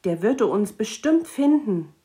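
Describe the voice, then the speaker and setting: A woman's voice: medium pitch, very animated, measured pace, dark tone, pitched above the performer's own voice. A woman voicing a small, timid male Christmas imp who speaks in an anxious, whimpering way. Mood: sheepish.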